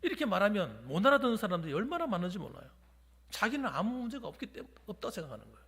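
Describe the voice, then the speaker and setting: A man's voice: sits high, sing-song, rapid-fire, vocal fry, a bit bright, husky, big-room sound. A pastor preaching a sermon in a church, emphatic and urging his congregation. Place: church sanctuary during a weekday service.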